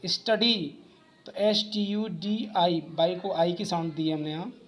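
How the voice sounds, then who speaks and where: A man's voice: high-pitched, steady tone, measured pace, a bit bright. Man teaching, asks and answers himself. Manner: explains step by step, asks and answers own questions. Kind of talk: exam-prep lecture.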